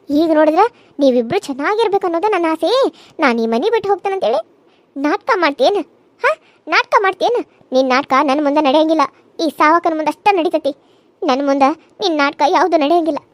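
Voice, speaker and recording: A woman's voice: extremely high pitch, no room sound. A woman voicing quarrelling young wives in a cartoon serial, heated and accusing, with a North Karnataka Kannada accent. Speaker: voice actor.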